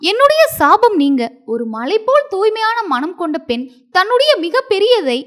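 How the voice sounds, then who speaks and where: A woman's voice: extremely high pitch, big pitch swings, moderate pace, fairly bright tone, voice pushed up, heavily acted. A woman voicing the mysterious spirit voice of an enchanted pond, speaking solemnly and commandingly in a storybook tale.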